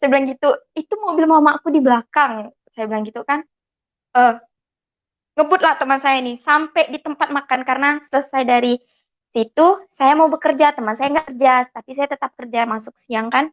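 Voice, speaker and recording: A woman tells her conversion testimony in a fairly high voice. She is an animated storyteller who acts out bits of remembered dialogue. The recording sounds dull and lo-fi. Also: normal speed. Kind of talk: personal testimony.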